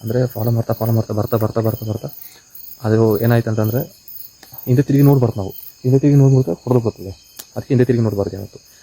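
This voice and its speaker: A man telling a ghost story and exploring an abandoned house at night for his vlog, repeating words and shouting "hey" when something moves. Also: mid-range voice, very fast, vocal fry, pauses often, husky, rough recording. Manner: repetitive storyteller, excited calls of "hey" when startled. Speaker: vlogger exploring a haunted house. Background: crickets and insects.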